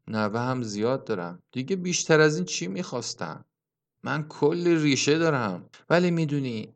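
A man reading an audiobook, voicing a gloomy old village grandfather in a low, hushed, brooding tone. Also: close to an everyday voice.

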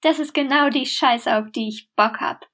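A woman voicing a sixteen-year-old captive princess, plaintive and sharp, in a storybook reading. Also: sits high, moderate pace. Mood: scheming.

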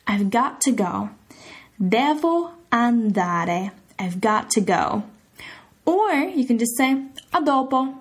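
A woman hosts a language lesson podcast teaching Italian phrases, her voice a little high, sing-song, slow and edged with breathiness. The conversational lesson is informal and chatty, and she sounds out example phrases carefully.

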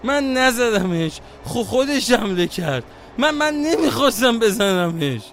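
A man's voice: high voice, expressive, a little hiss or hum. An actor playing an older, fatherly taxi driver in an audio drama, pleading and prone to stammer when frightened. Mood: panicked. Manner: pleading, stammering under pressure.

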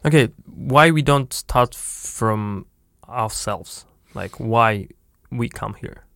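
A man's voice: medium pitch, takes it slowly, gravelly, a bit bright, no echo, studio quality. A young man from Siberia with a Russian accent, speaking hesitantly and searching for words in casual conversation.

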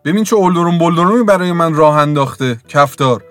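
A man's voice: fairly high pitch, animated, fairly bright tone, soft background music, pitched above the performer's own voice. Shrieking furious village mother, voiced by a man. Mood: furious defiance. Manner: screaming, defiant, raw. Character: fierce poor village mother, woman, shrieking.

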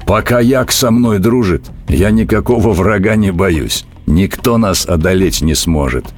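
A man's voice: low voice, measured pace, faint music behind. A man voicing a mighty, confident male tiger who answers bluntly. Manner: blunt, growling.

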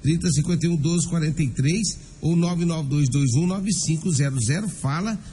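A slightly high, mellow male voice at normal speed belongs to a Brazilian radio host covering crime news. His commentary and live-read ads are colloquial and aimed right at listeners. Music plays under him, and there's a little hiss or hum.

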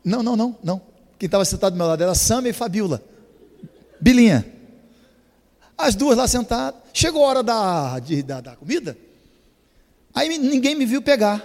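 Man, preacher, storytelling sermon, sudden shouts, very expressive pitch, long hall reverb. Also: moderate pace, pauses often.

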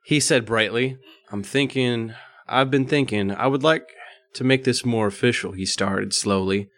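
A man co-hosting a podcast, reading a romance novel aloud, stumbling and correcting himself with quick asides. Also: mid-range voice, a bit bright. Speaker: podcast co-host.

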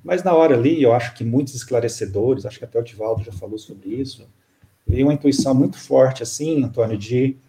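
Brief: man, spiritist counselor, calm halting storyteller, warm mellow tone. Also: medium pitch. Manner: calm, halting, many fillers. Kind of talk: storytelling in an interview.

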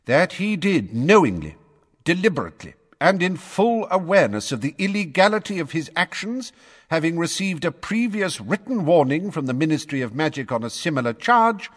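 A man's voice: on the high side, fairly bright tone, long reverb tail, voice pushed up. A man voicing a blustering, testy middle-aged minister who reads out charges formally.

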